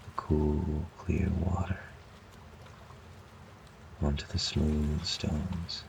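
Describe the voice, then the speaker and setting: A man narrating a guided relaxation meditation in a calm, soothing, measured way, with long pauses. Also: very deep voice, vocal fry, noisy background.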